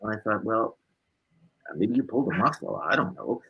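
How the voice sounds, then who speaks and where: Through lo-fi sound comes a lowish, slightly rough male voice at a moderate pace. The man, a blues musician and interview guest, casually spins animated anecdotes from his life, performing bits of dialogue and tacking "right?" onto phrases.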